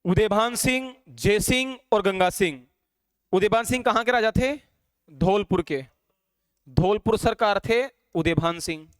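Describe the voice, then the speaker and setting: Man, classroom teacher, high voice, dry close sound. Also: clear, resonant tone, no echo. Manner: questions students, then dictates slowly with repeats. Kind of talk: classroom lecture, dictating notes.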